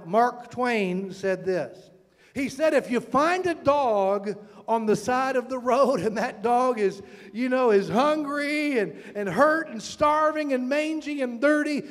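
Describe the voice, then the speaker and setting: High-voiced man preaching in a hall. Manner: animated preaching with audience call-outs. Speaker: pastor. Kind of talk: sermon.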